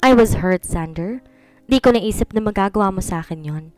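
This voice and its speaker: A woman's voice: medium pitch, normal speed, dry recording, soft background music, natural voice. A woman voicing a stubborn, hurt young wife. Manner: sharp refusals, then tearful reproach. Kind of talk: storybook reading.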